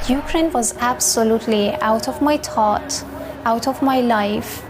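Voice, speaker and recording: A woman in her twenties from Afghanistan, recounting her own experience in a measured, reflective way with hesitant fillers. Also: on the high side. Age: 20s. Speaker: documentary interviewee. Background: music.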